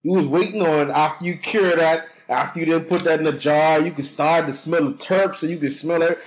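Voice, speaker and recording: With a Bahamian accent and a voice on the high side, this talkative guest, a cannabis consultant, recounts his story in a casual interview. He's boisterous and repeats words, speaking briskly with fairly even intonation, and the recording quality is low.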